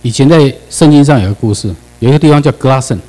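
A man's voice: mid-range voice, fast, mellow, low-quality recording. A man lecturing a class in Taiwanese-accented Mandarin, firing rhetorical questions at the room and slipping English words into his speech.

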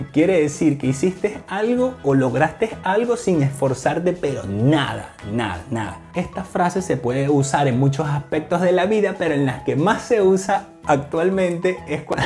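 A man's voice: on the high side, darkish tone. A man from Venezuela with a Venezuelan accent, casually explaining slang to the camera in a playful way and acting out examples. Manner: playful, acts out examples in put-on voices, laughs often.

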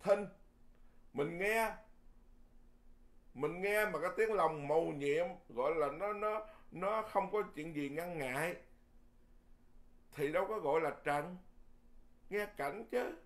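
A man who is a Buddhist monk, giving a Dharma sermon in a lively, folksy way, often repeating words and chuckling. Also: on the high side, takes it slowly, long pauses.

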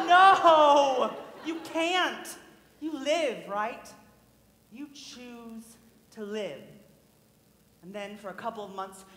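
A woman plays a lonely, middle-aged theatre fan who confides in the audience as the narrator. The voice is high and bright, and it rings through a reverberant theatre hall with faint room noise behind it. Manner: confiding, wistful storyteller asides. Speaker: stage actor. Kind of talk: live stage musical acting. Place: university theatre stage.

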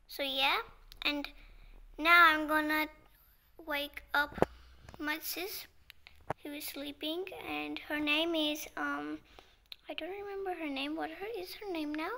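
A woman chatting casually as a vlogger, talking in a sleepy way and often dropping to a hushed near-whisper. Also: high voice, a little hiss or hum. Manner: slow and sleepy. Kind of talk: casual vlog narration.

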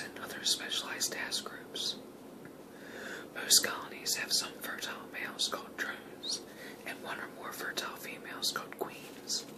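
A narrator speaks entirely in a whisper, as if watching wildlife up close. The delivery is a scripted ASMR nature lesson, hushed from start to finish. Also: poor audio.

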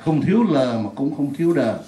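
A woman's voice: deep voice, lively intonation, fairly quick, a crowd in the background. A woman teaching an English lesson in a classroom, patiently repeating words for her students to drill. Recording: echoey room.

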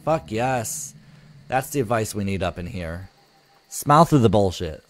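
A man's voice: on the low side, animated, unhurried, no echo. Profane, easygoing male live streamer. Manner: loose, profane, reads chat comments aloud. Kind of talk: casual live-stream chat with viewers.

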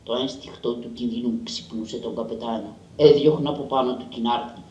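A man giving a measured, dramatic literary reading of a story. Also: medium pitch, fairly even intonation, a little mellow, dull audio. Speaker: reader. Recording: roomy and distant.

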